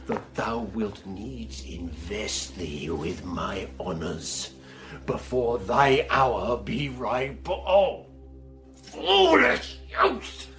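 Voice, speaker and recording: Ailing old king, slow, sweeping delivery. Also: medium pitch, full character voice. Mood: bitter reproach. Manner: declamatory, theatrical, drawn-out, swelling from murmurs to shouts. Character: old dying king, ailing, bitter, grieving, raging at his son. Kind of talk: classical Shakespearean radio drama acting. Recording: studio radio drama with music behind.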